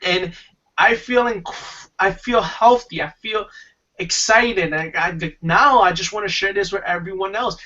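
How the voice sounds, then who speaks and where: A man's voice: high-pitched, measured pace, pushed and bright, recorded from a distance, highs cut off. A man hosting a webinar, talking enthusiastically in a rambling way with restarts. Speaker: webinar host. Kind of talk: casual pitch talk.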